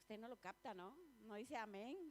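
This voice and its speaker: High-pitched woman preacher, conversational sermon, faint hum. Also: a little slow. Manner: chatty and personal, asks the congregation questions; laughs often between points. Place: church.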